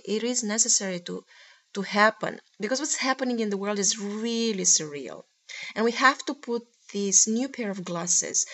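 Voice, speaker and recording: Gravelly-voiced woman giving spiritual guidance. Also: mid-range voice. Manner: earnest, searching for words with frequent pauses. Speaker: spiritual teacher. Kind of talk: spiritual monologue to camera.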